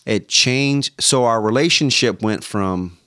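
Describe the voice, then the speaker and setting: A man's voice: medium pitch, takes it slowly, clear, resonant tone, no room sound, studio quality. A man, a podcast guest recounting a story and acting out the voices of people he spoke with. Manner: animated storyteller, acts out quoted phone calls. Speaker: podcast guest, former radio host. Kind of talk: casual storytelling interview.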